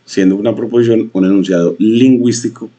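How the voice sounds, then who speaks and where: A man teaching a coding lesson, talking in a halting way with many fillers and repeated phrases. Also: on the low side, fairly even intonation, warm tone. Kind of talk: screen-share coding lesson. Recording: dull lo-fi mic.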